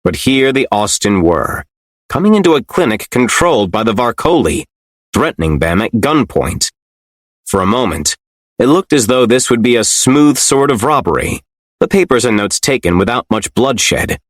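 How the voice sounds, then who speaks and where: A man narrating a fantasy audiobook in an expressive, storytelling manner. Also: medium pitch, moderate pace, no echo, studio quality. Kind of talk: scripted fiction narration.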